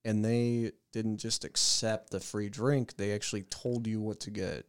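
A man's voice: on the low side, little pitch movement, measured pace, smooth. A man co-hosting a casual podcast, teasing his friends with dry jokes. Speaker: podcast co-host. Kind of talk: casual chat.

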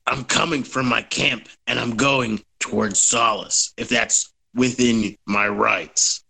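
A man playing a blunt, creaky mercenary. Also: mid-range voice, steady tone, takes it slowly, bright, forceful tone, pitched below the performer's own voice, heavily acted, poor audio. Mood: curt. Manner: gruff, curt, and cocky. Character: blunt human male mercenary.

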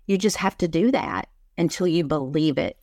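A woman's voice: low-pitched, moderate pace, creaky, a little mellow, dry recording, clean studio sound. A middle-aged woman, a business coach interviewed as a guest, speaking earnestly and emphatically and often repeating her key phrases. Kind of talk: motivational interview talk.

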